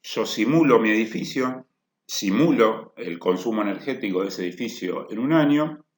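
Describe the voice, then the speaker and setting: In an echoey room, a man lectures on energy efficiency at a technical workshop. His voice sits on the low side with lively intonation and a moderate pace, and he explains things by rephrasing points with "o sea" and "¿no?".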